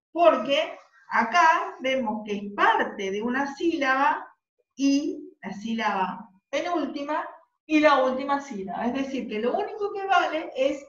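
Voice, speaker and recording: Rioplatense woman teacher, high and unhurried, patient, repeats and checks in; distant echoey muffled classroom take. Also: a bit bright. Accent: Rioplatense Spanish. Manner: slow, patient, repeats key points and checks understanding. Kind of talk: classroom lesson.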